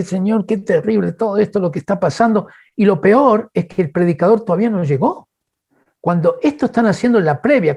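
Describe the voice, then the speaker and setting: A man with a Chilean accent preaching in a webinar, telling personal stories and acting out quoted voices. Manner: animated, acts out quoted voices with big pitch jumps; addresses listeners as brothers, asks okay. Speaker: guest speaker. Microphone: webinar microphone.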